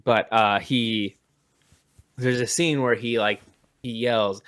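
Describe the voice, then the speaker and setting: A man's voice: mid-range voice, slow, dry recording, clean studio sound. A man co-hosting a podcast, talking casually about movies with lots of fillers. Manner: relaxed, rambling, lots of fillers. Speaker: podcast co-host. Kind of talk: casual chat.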